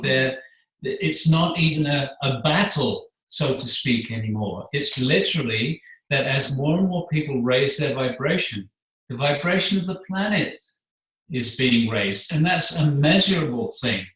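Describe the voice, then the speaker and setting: A man speaking as a guest, explaining his spiritual work in a measured, earnest way. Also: medium pitch, sharp tone. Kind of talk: calm explanatory conversation. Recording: echoey room, distant mic.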